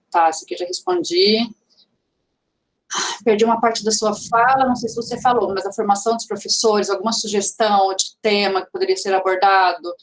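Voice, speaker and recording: A woman with a mixed regional Brazilian accent speaks in a chatty, conversational way over a video call, full of fillers and restarts, as she answers questions at an online seminar. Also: medium pitch. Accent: mixed regional Brazilian Portuguese accent.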